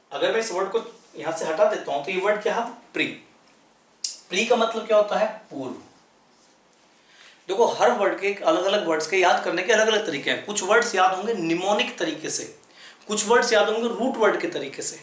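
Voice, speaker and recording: A man's voice: high-pitched, fairly bright tone, roomy sound. A man teaching English vocabulary in Hindi, explaining patiently and spelling words out letter by letter. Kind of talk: explaining lesson in Hindi at a chart.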